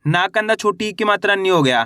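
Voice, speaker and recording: A man with a high, expressive voice, pushed, bright and smooth, talks fairly quickly through a slow spelling-out Hindi reading lesson. He sounds out syllables, then says the full word, asking and answering his own questions to the viewer. The studio recording is clean and dry.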